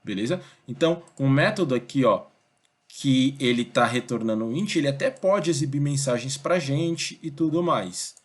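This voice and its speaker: A young man teaching a programming lesson in a relaxed, conversational way, thinking aloud and checking in with his students often. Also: medium pitch, normal speed. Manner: conversational, thinks aloud, many fillers like "beleza?" and "ó". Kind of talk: casual screen-recorded coding lesson.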